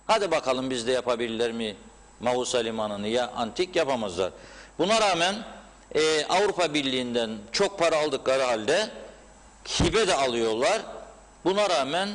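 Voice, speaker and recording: A man's voice: mid-range voice, fairly bright tone. A man hosting a political talk show, making sarcastic commentary with rhetorical questions, his voice carrying a heavy cave-like echo.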